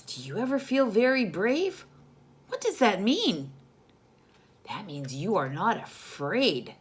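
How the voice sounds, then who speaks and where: In a mid-range voice, a woman reads a children's story aloud like a teacher, stopping to ask young listeners questions and explain things.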